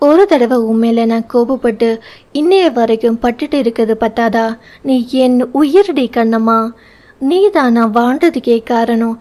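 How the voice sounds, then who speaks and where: A woman's voice: a little high, normal speed, lightly acted. Woman reading as a teasing tender young husband. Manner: playful teasing, turns soft and pleading. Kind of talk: audio novel reading.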